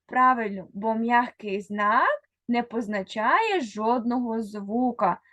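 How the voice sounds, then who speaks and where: Woman, primary teacher; high, very animated delivery, slow and deliberate; breaks words into sounds for young children. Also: no room sound. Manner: speaks directly to one child, pausing for answers. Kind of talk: recorded reading lesson for first graders.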